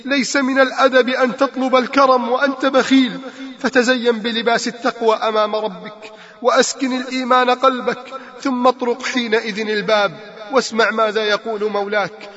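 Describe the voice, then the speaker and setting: A man's voice: very high voice, little pitch movement, brisk, a bit bright. A man preaching a sermon, calling out to his listeners with repeated rhetorical questions. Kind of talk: sermon with Quran recitation. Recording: long reverb, muffled lo-fi sound.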